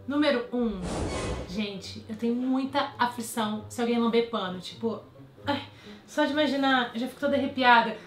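A young woman in her twenties with a Brazilian Portuguese accent, chatting playfully with her viewers in a casual vlog. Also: on the high side. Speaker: vlogger. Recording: echoey room with faint music.

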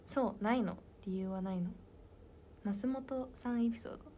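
Young woman idol, mellow soft voice, casual fan Q&A chat, whispered asides. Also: fairly high pitch, moderate pace, slight background noise. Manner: soft-spoken and chatty, drops into whispered asides. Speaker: idol talking with fans.

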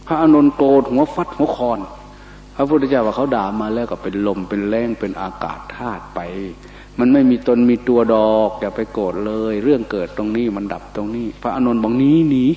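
An older Buddhist monk, telling stories in a sermon, animated and acting out the voices of the people in them. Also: male voice, mid-range voice. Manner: animated storyteller, acts out quoted voices, slips into Isan dialect. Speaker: Buddhist monk giving a dharma talk. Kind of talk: storytelling sermon. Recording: dull echoey hall recording with faint noise.

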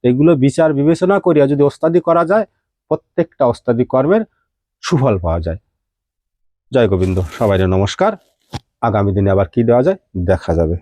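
Male ritual teacher, mellow tone, dry close sound, explains each step plainly. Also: mid-range voice, fast talker, no room sound. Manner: steady step-by-step instructing, addressing listener informally. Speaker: tantric practitioner teaching rituals. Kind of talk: spoken ritual instructions.

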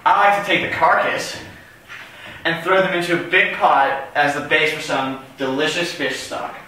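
A man's voice: on the high side, normal speed, bright, forceful tone. A young man hosting a playful mock cooking show in a home kitchen, talking in a jokey, theatrical way, picked up from across the room. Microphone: far camera mic. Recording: echoey kitchen from far off, faint noise.

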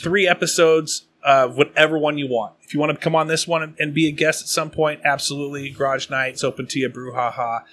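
A man in his late thirties hosts a laid-back podcast, chatty and rambling. His voice sits a little high and sounds bright and forward. He is from the Pacific Northwest. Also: fairly even intonation, a little fast, hardly any pauses, slight background noise. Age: late 30s. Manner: chatty, rambling, reads shout-outs. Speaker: podcast host. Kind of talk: casual podcast chat.

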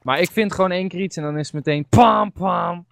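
A man's voice: sits high, fairly quick, creaky, fairly bright tone. A young man chatting casually while gaming, rambling through stories and laughing often. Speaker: gamer.

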